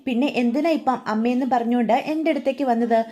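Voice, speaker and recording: A bitter, stubborn mother, played by a woman storyteller scolds in a harsh, unforgiving way. The voice sits a little high with a soft, mellow tone, all in a spoken storybook retelling. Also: quick pace, natural voice. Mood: angry, bitter.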